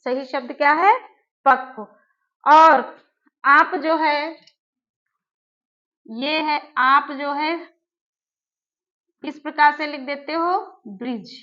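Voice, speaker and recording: Slow, bright-voiced woman teaching spelling. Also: sits high, fairly even intonation, dull audio. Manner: asks the class questions and answers them herself, slowly repeating each word. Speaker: Hindi teacher. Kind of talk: exam-prep spelling lesson.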